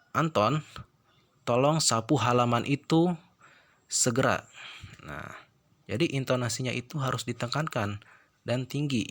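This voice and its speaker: Low-voiced male teacher explaining step by step. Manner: explains step by step, often adds "ya" and "nah". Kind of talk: classroom lesson.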